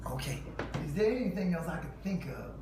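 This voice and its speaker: High-voiced man preaching in an echoey room. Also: very animated, a little fast, gravelly. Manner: emphatic, quotes scripture, laughs mockingly. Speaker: self-styled preacher. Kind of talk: preaching monologue to a listener. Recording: echoey room with faint noise.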